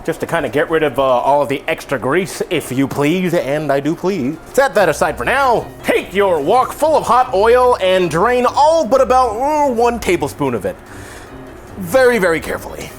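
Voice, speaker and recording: A man's voice: high voice, very animated, moderate pace, soft background music. A tipsy man hosting a casual cooking tutorial in a loose, jokey way, with mock-formal wording and wry asides. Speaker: cooking video host. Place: home kitchen. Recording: sizzling pan and kitchen noise. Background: frying sizzle.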